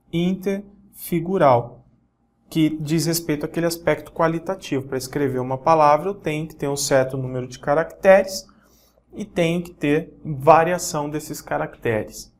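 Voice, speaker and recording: Man teaching, slightly high voice. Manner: explanatory, points at examples on screen; frequent checking tags and self-corrections. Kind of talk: recorded online lesson.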